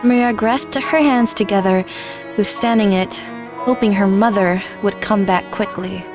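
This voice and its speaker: A woman's voice: medium pitch, a little slow, over music. A woman streamer reading game narration aloud with earnest storytelling and wry asides.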